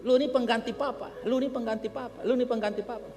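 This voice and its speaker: A man's voice: very high-pitched, steady tone, very fast, darkish tone. Older man doing a proud Kupang dad. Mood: fond. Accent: Kupang Indonesian. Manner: coaxing, repeating himself fondly. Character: proud father praising his son. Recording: long church hall reverb.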